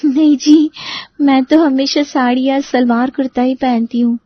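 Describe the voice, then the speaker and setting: A woman's voice: high voice, steady tone, measured pace, no room sound, dull audio, voice pushed up. A woman voicing a shy, traditional young woman who answers meekly and politely. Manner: meek, polite.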